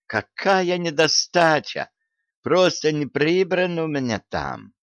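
A man's voice: mid-range voice, expressive, slow pace, a bit bright, smooth, no echo. A man voicing a panicky old male treasurer who wails and pleads. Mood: wailing. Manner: wailing, pleading. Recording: dull lo-fi dry recording.

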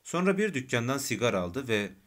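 A man narrating an audiobook of a novel in a calm, measured reading. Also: medium pitch. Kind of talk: scripted narration.

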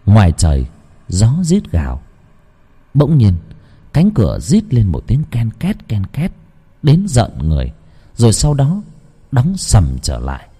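A man's voice: on the low side, wildly swooping pitch, measured pace, long pauses, warm tone, husky. A man narrating a ghost story in a dramatic, suspenseful way. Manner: dramatic, suspenseful, wide-ranging delivery.

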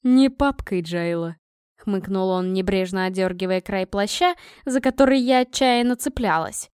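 Woman, audiobook narration, measured and even, dry close sound. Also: medium pitch, clear, resonant tone, no room sound. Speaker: audiobook reader.

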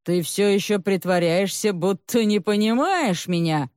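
A harsh male palace official interrogates with slow, menacing fury, roaring his threats. A woman reading the story gives him this voice. The sound is dry and close to the mic. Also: mid-range voice, a little mellow, no room sound, close to an everyday voice. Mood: furious.

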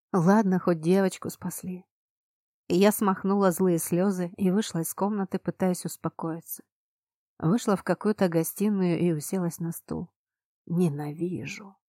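A woman with a lowish voice reads a first-person fantasy audiobook, expressive and emphatic. The sound is dry and close, with no room around it. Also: dry recording. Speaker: audiobook narrator.

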